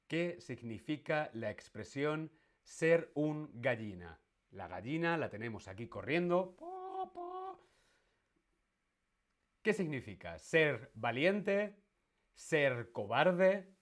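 A man with a Spain Spanish accent teaching a live-streamed language lesson, playful and quizzing his viewers, repeating each question. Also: medium pitch. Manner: makes animal noises in jest.

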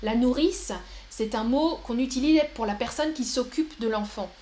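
A young woman teaches a live-stream language lesson with a light, high voice. She speaks slowly and clearly and repeats key words for her viewers. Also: warm tone. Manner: slow and clear, repeats words, puts on a babyish voice for examples. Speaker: French teacher.

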